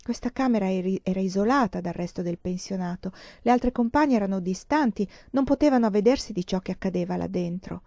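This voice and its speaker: A woman reads a literary novel aloud in a measured, expressive way. Her voice sits at an ordinary middle pitch. The recording is dry and a little dull in tone. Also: dry recording. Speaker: audiobook reader.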